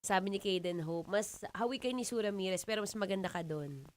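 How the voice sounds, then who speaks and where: Deep-voiced young Filipino woman radio DJ. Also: fairly quick, no room sound. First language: Tagalog. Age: 20s. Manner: playful, teasing, laughs often. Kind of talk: live radio chat reading comments. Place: radio studio.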